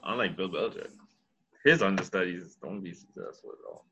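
Animated, bright-voiced man talking sports. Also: low-pitched, fairly quick. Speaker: sports talk show panelist. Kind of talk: casual sports debate. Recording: dull lo-fi sound, faint noise.

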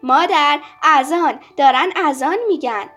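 Woman doing a little girl voice, high and pushy, keeps asking when lunch is, faint music under it. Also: animated. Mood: excited. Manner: pleading, insistent questions. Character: eager hungry little girl, impatient.

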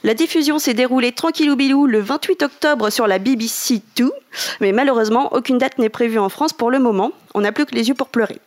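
A woman's voice: a little high, a little fast. A woman co-hosting a casual podcast, reading fan news items in a playful way and now and then stumbling over words and apologizing.

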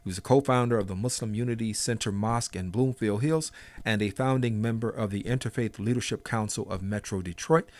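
A man hosting a radio interview with a clear announcer delivery. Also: on the low side, fairly quick, a little mellow. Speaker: radio host.

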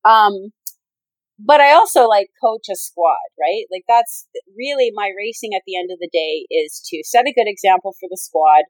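A professional athlete and coach in her forties chats casually in an interview, rambling with lots of fillers and restarts. Her medium-pitched voice has lively intonation and a moderate pace. The recording is low quality, with no room sound.

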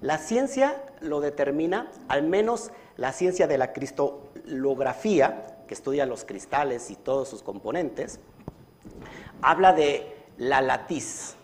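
A man's voice: on the high side, animated, takes it slowly, a little hiss or hum. A man leading a livestreamed religious study lesson as a Kabbalah teacher, earnestly asking his audience questions and stretching out key words. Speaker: Kabbalah teacher and community leader.

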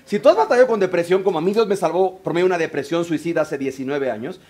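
A high-voiced man with a Mexican Spanish accent preaching to a church congregation. He is lively and joking, slipping into other people's voices to make his point. His delivery is animated and quick to turn. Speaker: pastor and biblical counselor. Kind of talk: sermon.

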